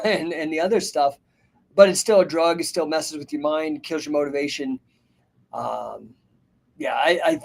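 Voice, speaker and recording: A man in his fifties hosting a live stream, chatting casually and rambling as he reads out viewer names and comments. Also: on the high side. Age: 50s. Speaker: host and business coach. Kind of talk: casual livestream talk.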